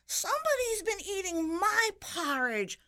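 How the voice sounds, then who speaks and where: A woman voicing a small whiny baby bear cub in a storybook reading, with a high, pouting cry. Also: big pitch swings, unhurried, bright, forceful tone, full character voice.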